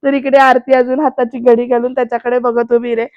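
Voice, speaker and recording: A woman's voice: fairly high pitch, level tone, fairly quick, clear, resonant tone, no room sound, muffled recording. A woman narrating a chatty voice-over recap of a TV serial episode who addresses the viewers directly.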